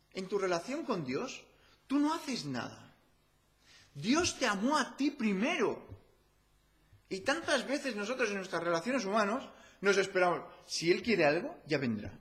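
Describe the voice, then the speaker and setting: A man with a Spanish accent from Spain preaches a sermon in church, his voice high and fairly bright. He addresses the congregation conversationally and poses rhetorical questions.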